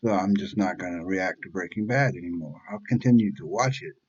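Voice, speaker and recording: A man in his fifties runs a YouTube reaction channel, rambling bluntly through a casual monologue and cursing freely. His voice is low and fairly quick with a breathy edge, and the audio sounds dull.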